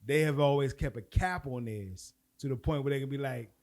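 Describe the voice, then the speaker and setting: A man's voice: medium pitch, a little fast, darkish tone. A man in a casual podcast debate who repeats his words and restarts before finishing a thought.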